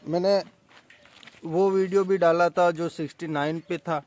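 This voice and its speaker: A man's voice: sits high, fairly even intonation, a little slow, darkish tone. Chatty young man selling goats. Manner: chatty, boastful sales talk. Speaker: goat farm owner and vlogger. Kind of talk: casual promotional farm vlog. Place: outdoor goat farm pen.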